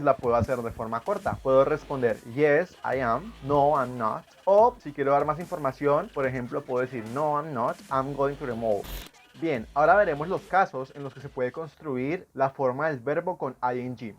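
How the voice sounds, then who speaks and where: A man patiently explaining English grammar as a teacher, spelling words out letter by letter. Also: mid-range voice.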